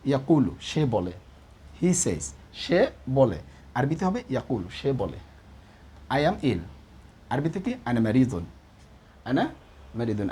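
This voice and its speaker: A man's voice: fairly high pitch, warm tone, slight background noise. A man teaching a grammar lesson, explaining patiently and often checking that the class follows.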